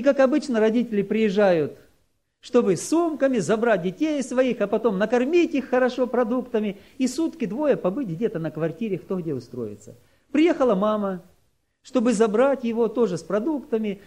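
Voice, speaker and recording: A man preaching, telling a church testimony in a measured, narrative way. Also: high-pitched, warm tone. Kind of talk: sermon testimony storytelling.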